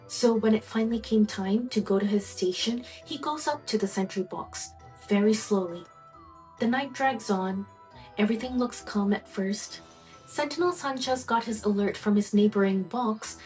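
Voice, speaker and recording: Female storyteller, middle pitch, suspenseful fireside telling, soft music underneath. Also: low-quality recording. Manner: slow, suspenseful storytelling with drawn-out pauses. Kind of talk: spooky folk tale narration.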